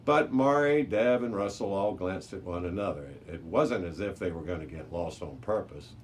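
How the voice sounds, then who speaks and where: A man with a low voice reads a children's chapter book aloud at normal speed, storyteller style, for an audiobook. He occasionally stumbles over words and corrects himself, and the noisy amateur recording has background hiss.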